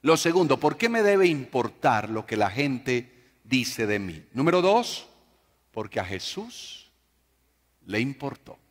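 A man's voice: medium pitch, very animated, slow pace, long reverb tail. A man preaching a sermon, telling stories and joking with the congregation. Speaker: pastor.

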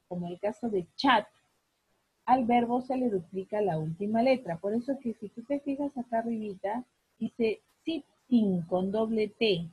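A woman's voice: on the high side, warm tone, breathy edge, dry recording, poor audio. A woman English teacher giving an online class on a video call, explaining patiently and drawing out her examples.

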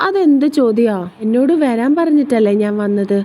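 A woman's voice: on the high side, lively intonation, normal speed, mellow, lightly acted. A woman voicing a coy, sulky young woman who whines and pouts. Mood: pouting. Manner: whiny, pouting.

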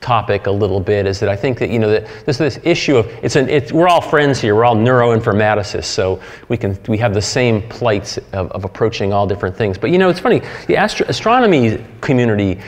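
A middle-aged man giving a conference keynote, halting and full of fillers and restarts. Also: fairly low pitch, animated. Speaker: keynote speaker. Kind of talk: conference talk. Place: lecture hall. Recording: hall reverb.

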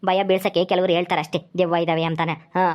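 A woman playing a skeptical father-in-law who brushes off talk of ghosts and scolds briskly in a comic skit. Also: on the low side, flat delivery, a little mellow, close to an everyday voice. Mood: dismissive.

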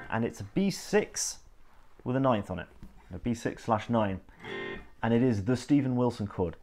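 In a darkish, mid-range voice, a man in his thirties who runs a video channel explains things to camera from the sofa in his living room. His manner is casual, geeky and thorough, though a bit hesitant.

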